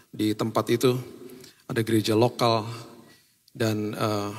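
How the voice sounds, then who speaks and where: A man preaching a sermon as a pastor, telling stories and acting out the people in them. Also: lowish voice. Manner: storytelling, acts out quoted voices, mixes in English phrases. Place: large church hall. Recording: church hall reverb.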